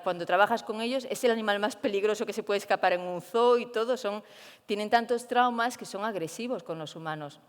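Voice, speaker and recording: A woman's voice: mid-range voice, big-room sound. A young woman tells her own story in an interview, acting out her inner thoughts as she goes. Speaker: primatologist guest.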